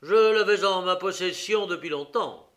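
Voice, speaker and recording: A man's voice: high voice, moderate pace, voice pushed up. A man doing a raging, desperate prisoner. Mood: bitter. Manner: shouting, desperate and defiant. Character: enraged male prisoner in his thirties, confessing murder.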